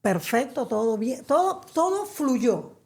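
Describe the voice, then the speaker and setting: A middle-aged woman from Venezuela, a guest in a chatty interview, shares her story with many fillers. She speaks at a measured pace in a high, sing-song voice that is a little mellow and carries vocal fry.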